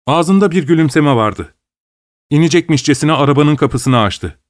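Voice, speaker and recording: A man narrating a story as an audiobook, in a steady, even manner. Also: medium pitch, no echo, clean studio sound.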